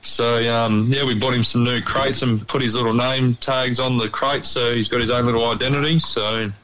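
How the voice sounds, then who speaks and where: An Australian man, a pigeon club member appearing as a radio guest, chats casually in a rambling, blokey way, throwing in "mate" a lot. His mid-range voice has fairly even intonation and a fairly bright tone at a moderate pace. The recording quality is low.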